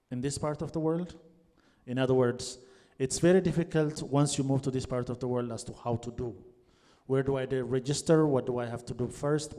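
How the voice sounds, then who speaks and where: Mellow-voiced man moderating a panel. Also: medium pitch. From Ethiopia. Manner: measured, long structured questions. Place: glass greenhouse event space, seated on stage. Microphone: handheld microphone.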